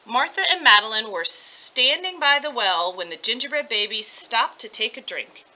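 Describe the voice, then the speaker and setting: High-pitched, animated woman reading a storybook. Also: normal speed. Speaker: storybook reader. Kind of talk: expressive children's story narration. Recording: dull lo-fi audio.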